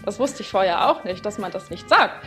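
A woman's voice: mid-range voice, expressive, a little fast, a bit bright, faint music behind. Brandenburg-accented young woman explaining. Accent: Brandenburg German. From Brandenburg, Germany. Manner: matter-of-fact, explaining. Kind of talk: casual chat.

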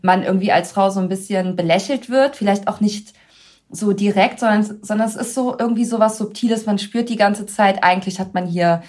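A woman's voice: mid-range voice, brisk. A woman hosting a podcast in casual chat, talking freely and laughing often as she tells stories. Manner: chatty, laughs often, lively storytelling. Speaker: podcast host.

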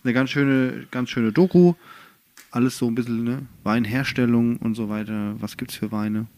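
A man's voice: medium pitch, fairly even intonation, moderate pace, warm tone. Chatty joking podcast man. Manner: joking, chatty, laughs easily. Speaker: podcast co-host. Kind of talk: casual podcast chat.

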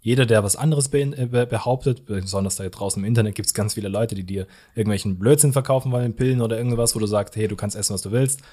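A man with a fairly low voice explains weight loss on a podcast. He is energetic and emphatic, and he keeps turning to the listener with direct questions. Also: quick pace, hardly any pauses.

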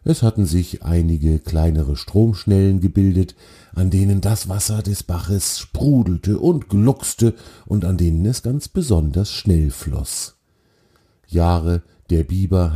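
Gentle man reading a children's story. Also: low-pitched. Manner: calm, gentle and expressive.

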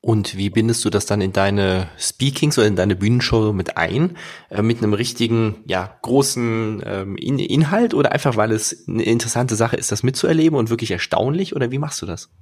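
Cohost guy, lowish voice, kinda feels his way through a question. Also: darkish tone. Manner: searching, pausing mid-question. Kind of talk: casual interview questions.

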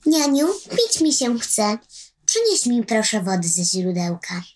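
A woman reading a storybook voices a sorrowful young captive girl who pleads in a high, plaintive voice. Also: very animated, a little slow. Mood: pleading. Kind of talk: storybook narration.

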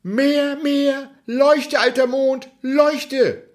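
A man reads aloud and puts on a greedy little boy from a storybook, his voice jumping far above his own. The cries come out shrill and demanding, slow and drawn out. The boy sounds insatiable. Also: steady tone, full character voice. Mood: greedy shouting. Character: small greedy boy, shrieking for more.

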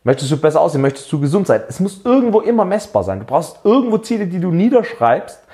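A man's voice: sits high, very animated, fast talker, warm tone. A man giving fitness coaching straight to the viewer, explaining home workouts and asking direct questions to push motivation. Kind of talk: direct-to-camera fitness advice.

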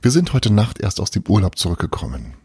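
A man voicing a shy, lonely schoolboy in a storybook reading, polite and a little hurried. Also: fairly low pitch, sing-song, darkish tone, slightly rough, no echo, clean studio sound, full character voice.

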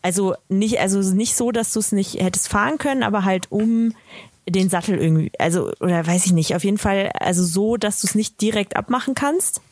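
A woman's voice: mid-range voice, a little fast, a little mellow, dry recording. A young woman co-hosting a podcast in casual chat, who laughs easily.

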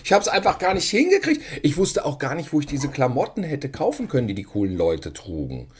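A man's voice: fairly high pitch, huge pitch swings, a little fast, a little hiss or hum. A man from Germany chatting as a podcast co-host, telling rambling self-mocking anecdotes with hesitant fillers. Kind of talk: casual chat.

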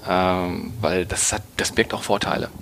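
Low-voiced man hosting an interview. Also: fairly even intonation, normal speed, gravelly, fairly bright tone, slight background noise. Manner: conversational, frequent affirming murmurs. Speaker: podcast host, interviewer. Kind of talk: casual interview talk.

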